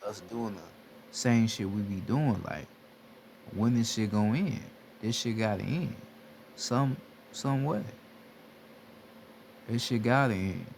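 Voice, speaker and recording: Speaking slowly in a lowish, slightly mellow voice with vocal fry and long pauses, a spiritual teacher gives a casual motivational monologue over a little hiss or hum. He's blunt and repetitive, cursing heavily as he calls on listeners to wake up.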